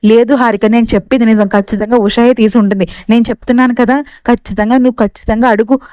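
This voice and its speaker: A high, insistent young woman from a family drama retelling, hammering the same accusation again and again, as a woman narrator puts her on. She rushes her words. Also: fairly even intonation, dark tone, dry recording, close to an everyday voice. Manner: insistent, repeating herself.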